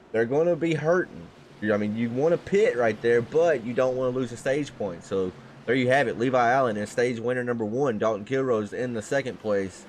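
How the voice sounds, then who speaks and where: A man's voice: mid-range voice, a little mellow, a little hiss or hum. A man doing casual live race commentary from the booth, loose and chatty, laughing often.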